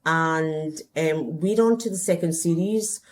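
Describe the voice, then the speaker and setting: A Scottish woman in her forties, a native Gaelic speaker, chatting in a relaxed, wry way as a guest. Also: low-pitched, unhurried. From Scotland. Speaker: guest, actor. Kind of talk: casual chat. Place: festival venue.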